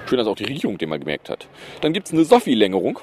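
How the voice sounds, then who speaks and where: A man's voice: on the low side, wildly swooping pitch, very fast, a little mellow, slight background noise. A man hosting a podcast, reading news items and adding sarcastic, mocking asides in a loose, hesitant way. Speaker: podcast host.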